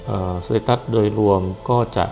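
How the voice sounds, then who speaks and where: A man casually explaining a game's character class and skills, relaxed and hesitant, with frequent pauses and fillers. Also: soft background music, rough recording. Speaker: gameplay commentator. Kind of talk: casual game walkthrough.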